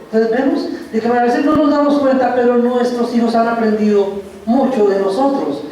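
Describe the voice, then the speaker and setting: A man preaching a sermon as a pastor, slow and reflective, pausing between phrases. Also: very high voice, fairly even intonation, warm tone, a little hiss or hum. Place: church sanctuary. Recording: echoey church hall from far off.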